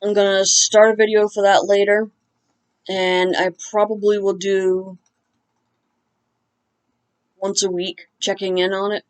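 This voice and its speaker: A woman in her forties hosting an unboxing vlog, chatting casually and joking, laughing often. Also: medium pitch. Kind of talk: casual chat.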